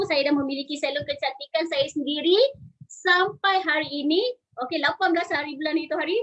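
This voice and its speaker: Woman, 40s, Malaysian Malay accent, high-pitched, energetic live-stream presenter, slips into English, muffled lo-fi audio. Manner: energetic, urges the audience, mixes in English phrases. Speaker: salon owner presenting a live sales talk. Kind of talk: live-stream talk to viewers.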